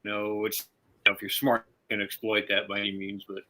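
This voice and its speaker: A man's voice: lowish voice, level tone, brisk, low-quality recording. A man hosting a podcast, a former police officer speaking candidly and laid-back, with some swearing. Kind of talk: casual podcast conversation.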